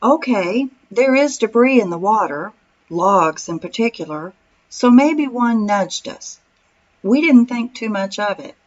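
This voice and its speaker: A woman's voice: on the high side, animated, measured pace, highs cut off. A woman reading a scripted voice-over narration for a vlog, in a storytelling manner.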